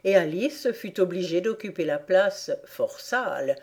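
A woman reads a classic tale aloud in a calm, measured way. Her voice sits fairly low for a woman and moves at an unhurried, deliberate pace. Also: husky. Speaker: audiobook reader. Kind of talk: audiobook narration.

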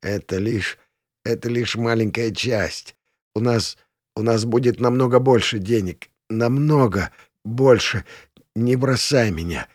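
A man voicing a wounded, desperate man who pleads in a hoarse, hushed and halting voice. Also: medium pitch, no room sound, clean studio sound, natural voice. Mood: pleading.

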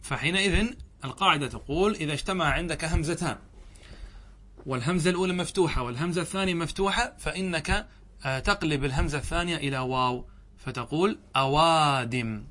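A man teaching a lesson on Arabic grammar, explaining rules step by step, asking questions and answering them himself, and drawing out example words slowly. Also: on the high side, pushed and bright.

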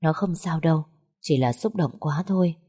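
A woman voicing a gentle young woman who speaks softly and quietly. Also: low voice, normal speed, breathy edge. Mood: quiet reassurance. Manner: soft quiet speech.

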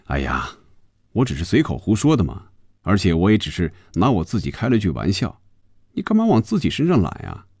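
A man's voice: sits low, huge pitch swings, a little fast, darkish tone, husky, no echo, studio quality, heavily acted. A male storyteller voicing an easygoing salesman who talks in a coaxing, joking way.

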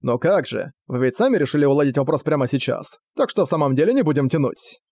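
A man's voice: on the high side, animated, fast talker, dark tone, no echo. Man reading as a flippant cunning prince. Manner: casual, mocking. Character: young male prince, cool, cunning and flippant.

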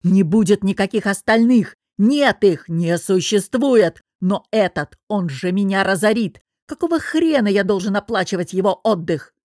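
A woman reading aloud voices a sick, hoarse middle-aged male boss shouting over the phone. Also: extremely high pitch, fairly even intonation, normal speed, no room sound, studio quality, voice pushed up. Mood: furious yelling. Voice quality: hoarse, yelling. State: sick, coughing.

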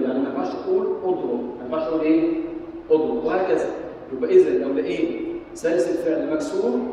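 A man's voice: on the high side, dark tone. A man with an Egyptian accent teaching a class, asking questions and answering them himself. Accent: Egyptian Arabic. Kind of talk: classroom lesson on Quranic sciences. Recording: echoey hall, mic far off, faint noise.

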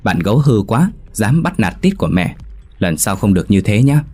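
A gentle young mother in a spoken storybook, read by a man in a deep, low voice. She speaks softly and playfully, in a soothing tone. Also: sing-song, normal speed, husky.

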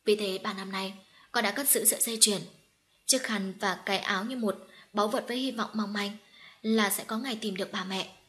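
A woman's voice: mid-range voice, steady tone, brisk, fairly bright tone, close to an everyday voice. Woman reading as a sobbing young orphan woman. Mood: choked up. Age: young adult. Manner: choked, sobbing. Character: young orphan woman, emotional, finding her family.

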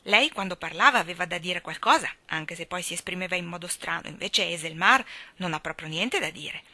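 Woman reading a blunt older housekeeper, firm, outspoken, bright voice, audiobook. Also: lowish voice, brisk, no echo, full character voice. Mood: scornful.

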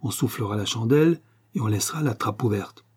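A man's voice: on the low side, fairly quick, husky. Rocambole, a man voicing a cool scheming crook. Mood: calm, explaining. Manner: patient, explaining step by step. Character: cunning young male crook, calm schemer.

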